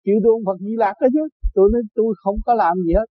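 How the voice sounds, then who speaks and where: A man's voice: high-pitched, fairly even intonation, very fast, dry recording, narrow, tinny audio. An older man from Vietnam giving an informal spiritual talk, telling stories with frequent laughter and acting out the voices of others. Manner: storytelling, laughs often, acts out quoted voices. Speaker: spiritual teacher.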